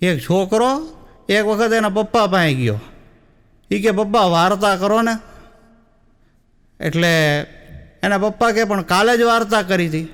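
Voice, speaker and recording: A man's voice: high-pitched, unhurried, pauses often, fairly bright tone, smooth. A young man with a Gujarati accent, telling comic stories on stage and acting out the dialogue. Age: young adult. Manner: storytelling with quoted dialogue, sung wedding song snippets. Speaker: stand-up comedian.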